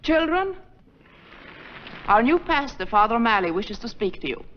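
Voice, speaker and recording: An actress playing an earnest, proper young nun who runs a school, speaking in a gently reproving way. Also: female voice, on the high side, sing-song, normal speed. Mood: formal. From Sweden, raised in Minnesota. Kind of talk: 1940s film acting. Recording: muffled 1940s film soundtrack with faint hiss.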